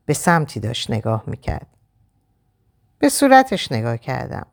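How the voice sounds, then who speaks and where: A woman's voice: deep voice, gravelly. A woman reading a dramatic story aloud in first person, narrating expressively.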